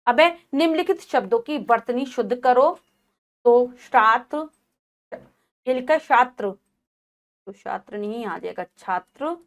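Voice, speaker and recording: A woman teacher giving a spelling lesson to children, saying each word slowly and repeating it, asking questions and answering them herself. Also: on the high side, animated. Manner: says each wrong spelling then the correct one, slowly stressed; patient, repeats words and asks herself questions.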